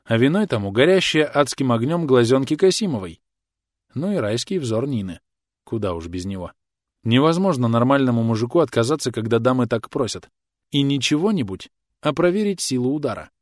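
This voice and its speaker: A man's voice: medium pitch, big pitch swings, brisk, dry recording, studio quality. Wry man narrating an audiobook. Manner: wry, conversational storytelling. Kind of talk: first-person scripted narration.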